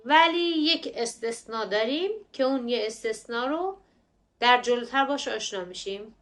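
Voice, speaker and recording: A woman language teacher explaining words slowly and patiently, repeating phrases and drilling their pronunciation. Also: a little high, a bit bright, faint music behind. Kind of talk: explanatory lesson narration.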